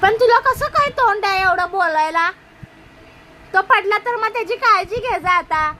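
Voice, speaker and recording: A woman's voice: very high-pitched, lively intonation, normal speed, sharp tone, slight background noise. A woman with a Marathi accent playing an aunt in a family comedy sketch, scolding and arguing sharply.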